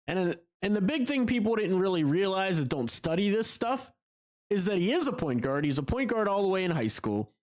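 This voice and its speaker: A man hosting a casual basketball podcast chat, animated and quick to laugh, talking in long runs. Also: high voice.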